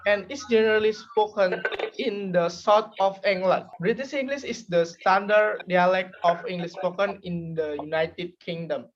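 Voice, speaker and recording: A young woman giving a class presentation, pausing and correcting herself often. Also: mid-range voice, muffled recording. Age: young adult. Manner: hesitant, self-correcting. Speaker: student presenter.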